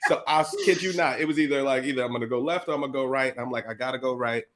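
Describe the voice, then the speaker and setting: New guy talking real fast, slangy, acts out quotes, laughs a lot. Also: medium pitch, very noisy. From USA. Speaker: guest. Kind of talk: casual interview storytelling.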